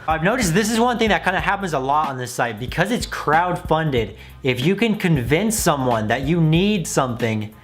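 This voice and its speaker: A man's voice: a little high, lively intonation, normal speed, hardly any pauses. Mocking, critical man over background music. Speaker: video host. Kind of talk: casual commentary. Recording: music playing behind the voice.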